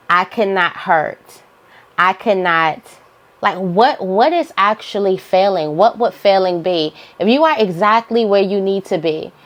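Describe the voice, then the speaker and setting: Lower-voiced woman giving spiritual pep talk. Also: darkish tone. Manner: emphatic, repeats phrases for emphasis. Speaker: spiritual guidance host. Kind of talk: informal motivational spiritual monologue.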